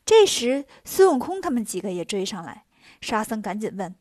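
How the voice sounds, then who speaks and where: A woman storyteller with a fairly high voice, narrating in a colloquial and animated way. The sound is dry and close. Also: normal speed, no room sound. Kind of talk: lively storytelling.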